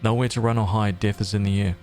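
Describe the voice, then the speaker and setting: A man's voice: lowish voice, steady tone, fast talker, a little mellow, soft background music, lightly acted. A man reading the lines of Brett, a frightened young soldier, in a video game. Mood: fearful. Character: terrified young male soldier.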